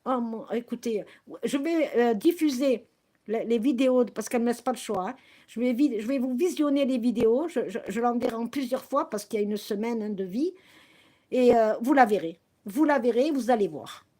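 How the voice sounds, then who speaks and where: A woman's voice: fairly high pitch, lively intonation, normal speed, mellow. A woman ranting to her viewers on a live stream, angry and accusing, often stumbling and restarting her sentences.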